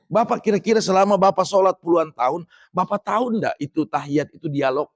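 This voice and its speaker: Middle-aged Indonesian preacher, chatty mosque talk, slow careful Arabic recitation. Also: male voice, high-pitched. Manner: conversational, addresses listeners as Pak, recites Arabic slowly. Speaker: ustadz giving a mosque lecture. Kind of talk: religious lecture.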